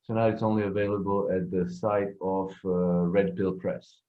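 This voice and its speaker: A man from Croatia, a guest on an online round-table chat, speaking in a hesitant, halting way. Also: deep voice, little pitch movement. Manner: hesitant, halting with repeated starts. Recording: tinny phone-like call audio.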